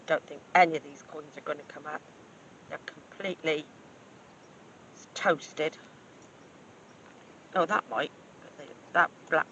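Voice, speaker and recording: High, bright-voiced English man, lively intonation. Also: unhurried, pauses often. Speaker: metal detectorist. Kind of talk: casual chat. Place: field, outdoors. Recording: dull, noisy outdoor recording.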